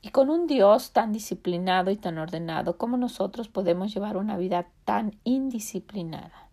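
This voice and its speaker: A woman's voice: medium pitch, lively intonation, moderate pace, warm tone. An older woman hosting a podcast, giving casual, earnest advice on life and faith and speaking straight to the listener. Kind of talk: casual motivational talk with faith themes. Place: home, Illinois.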